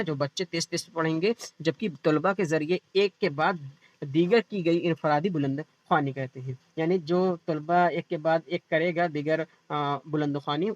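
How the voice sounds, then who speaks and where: A man's voice: on the high side, no echo, dull audio. Quizzing man teaching. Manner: explains by asking and answering his own questions. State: feeling unwell. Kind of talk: online exam-prep lecture.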